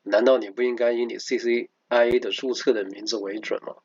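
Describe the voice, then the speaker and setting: Guy doing casual commentary, low husky voice, dry n a bit muffled sound. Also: little pitch movement, fairly quick, darkish tone, dry recording. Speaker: narrator commenting on recorded calls. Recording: slightly dull, muffled recording.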